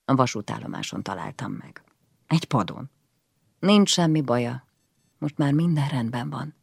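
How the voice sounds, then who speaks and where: A woman doing a brisk, practical husband. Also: rumbling low, dry recording, clean studio sound, full character voice. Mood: reassuring. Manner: calm, brisk, gives clear instructions. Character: practical, no-nonsense middle-aged husband.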